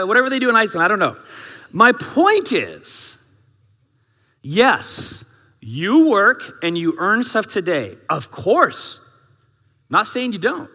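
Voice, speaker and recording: A big church hall carries the sermon of a male pastor, his high, bright voice leaving long reverb after every phrase. He keeps things animated and conversational, posing rhetorical question after rhetorical question to the congregation.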